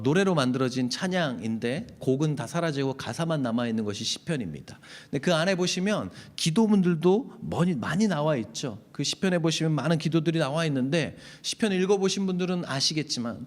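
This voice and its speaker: Middle-aged male pastor, hushed-to-emphatic sermon. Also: fairly high pitch, lively intonation, a little fast. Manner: swings between hushed, near-whispered asides and raised, emphatic peaks; conversational and direct, addressing the congregation often. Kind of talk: Sunday sermon.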